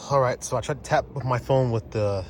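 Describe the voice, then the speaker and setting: A man vlogging casually outdoors at car chargers, relaxed and offhand as he talks through each step. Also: mid-range voice, normal speed. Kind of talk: casual narrated vlog. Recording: loud outdoor ambience and traffic noise. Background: loud outdoor and vehicle noise.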